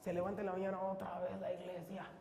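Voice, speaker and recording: A middle-aged man preaches a sermon, pitched high with a mellow tone. He fires off rhetorical questions and drops from loud to hushed. His voice carries the long echo of a church hall over faint background noise. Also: monotone, quick pace, vocal fry. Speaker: pastor.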